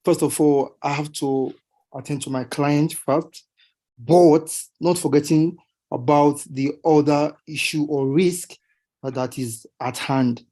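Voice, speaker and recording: A man speaks in a soft-edged, mellow voice. He answers politely and haltingly as a participant in an online training session. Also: on the high side, steady tone. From Kenya. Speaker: workshop participant.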